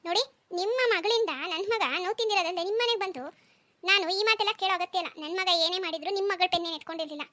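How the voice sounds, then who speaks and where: A woman voicing a rude, arrogant neighbour mother in a cartoon, accusing and sharp. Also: very high voice, very fast. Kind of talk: cartoon dialogue.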